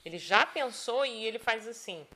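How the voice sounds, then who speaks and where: A woman speaking as a sales expert in a casual podcast chat, animated and playing out quoted people as she talks. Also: fairly high pitch, moderate pace, over a noisy crowd. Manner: animated, acts out quoted speech in other voices. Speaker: neurosales specialist, podcast guest.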